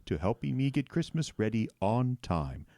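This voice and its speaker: A man playing a kindly old Santa with a commanding, deliberate way of speaking in an audio drama. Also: medium pitch, sing-song, warm tone, no echo. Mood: firm, hypnotic. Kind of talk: comedic audio drama acting.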